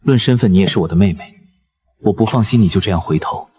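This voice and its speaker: A husky, fairly low-voiced young nobleman from a costume romance. He is intense and possessive and talks in an earnest, brooding way. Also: quick pace, darkish tone. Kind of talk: costume drama acting.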